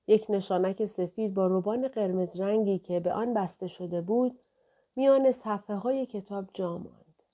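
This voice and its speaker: Female audiobook reader; gentle, steady delivery, mellow voice. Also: mid-range voice. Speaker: audiobook narrator. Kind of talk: scripted narration.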